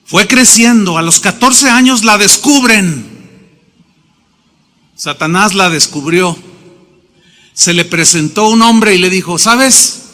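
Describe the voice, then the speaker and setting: High, bright pastor in a hall. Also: male voice, slow pace, long pauses. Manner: emphatic, storytelling with acted quotes. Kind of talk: sermon. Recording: long reverb of a hall.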